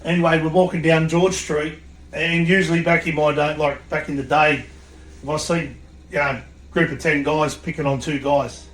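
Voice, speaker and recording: A man, a podcast guest and coach, telling an animated story in a blunt, swearing way. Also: on the high side, normal speed. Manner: blunt, swears freely, acts out quotes. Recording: echoey room.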